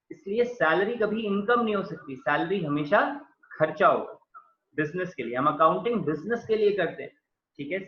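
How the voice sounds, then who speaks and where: A man giving a patient classroom lecture on accounting. He talks to his students as "beta" and writes on a board as he speaks. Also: on the high side. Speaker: accounting teacher. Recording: echoey dull lo-fi room sound.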